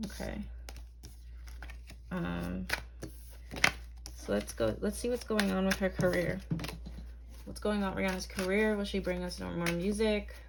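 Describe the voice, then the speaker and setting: A woman's voice: medium pitch, expressive, a little slow, vocal fry, long pauses, noisy background. A young woman from Barbados, reading tarot cards to camera in a chatty, hesitant way full of ums and likes. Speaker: tarot reader.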